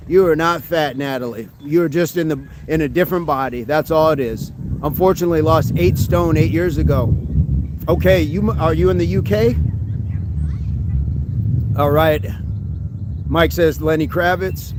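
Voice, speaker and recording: This is a casual fitness livestream hosted outside among the trees, where a man cheerfully talks with his audience and reads comments from his phone. He speaks at a moderate pace with a fairly high pitch, over a noisy background.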